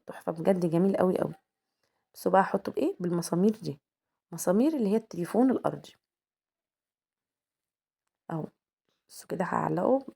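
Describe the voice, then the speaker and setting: In a casual home vlog, a young homemaker with an Egyptian accent talks to her viewers as girls and seeks their opinion. Her mid-range voice is creaky with a dark tone.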